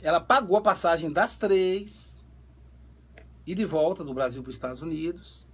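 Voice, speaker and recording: A man with a fairly high, husky voice, working as a psychoanalyst. He tells family stories in a relaxed conversational way and gives the people in them their own voices as he goes. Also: moderate pace. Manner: animated storyteller, acts out quoted dialogue. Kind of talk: conversational talk on family relationships.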